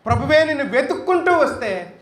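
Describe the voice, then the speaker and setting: A man's voice: very high voice, very animated, a little fast, fairly bright tone. A man preaching a sermon as a pastor, speaking emphatically and repeating key phrases as he tells a story. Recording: roomy hall echo.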